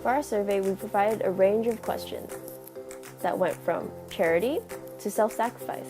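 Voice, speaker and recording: A young woman narrating a class experiment in a steady, explanatory way. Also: mid-range voice, moderate pace. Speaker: student narrator presenting an experiment. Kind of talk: scripted narration. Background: background music.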